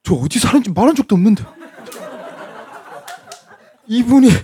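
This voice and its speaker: On a casual radio show, a man with a Gyeongsang Korean accent reads listener stories, telling them animatedly and laughing often. His voice is very high-pitched with a breathy edge, and he speaks at a moderate pace.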